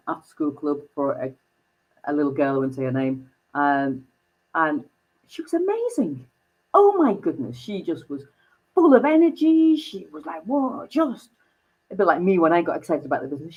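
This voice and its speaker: A woman from the United Kingdom, a company founder, telling stories as an interview guest with lively jumps in pitch. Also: dull audio. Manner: animated storyteller, pitch jumps when excited. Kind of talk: interview conversation.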